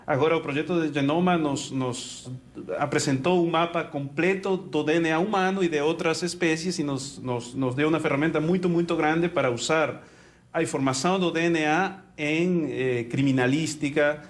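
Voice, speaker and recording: A man, a genetics expert, explaining science in an interview, halting and repeating words. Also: on the high side.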